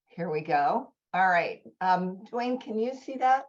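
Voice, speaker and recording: A woman presenting a conference session over a video call, enthusiastic and informal, talking in quick bursts. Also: lowish voice, animated, dull audio.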